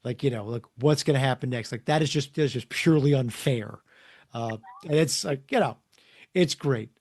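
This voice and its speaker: In a mid-range voice at a moderate pace, a middle-aged author of comics and children's books spins casual anecdotes as an interview guest. He is animated and likes to act out the lines people said.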